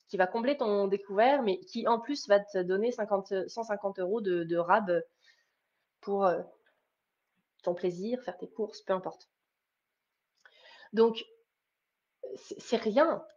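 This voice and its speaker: Woman, spiritual business coach on a live stream; earnest direct address, hesitant, mid pitch, slightly muffled audio. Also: darkish tone. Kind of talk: live-stream motivational talk.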